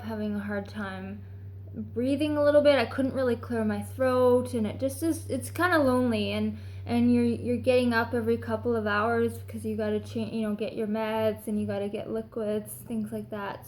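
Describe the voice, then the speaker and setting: A woman with a Canadian accent talks in a fairly high voice. She shares advice in a casual vlog style, chatty and informal, as if talking to people she knows. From British Columbia, Canada. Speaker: vlogger sharing recovery tips.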